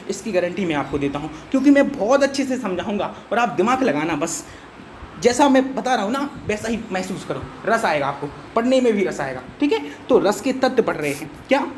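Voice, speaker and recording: A man's voice: high voice, slight background noise. Chatty male teacher giving an exam-prep lesson. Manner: chatty, reassuring, keeps checking in with the students.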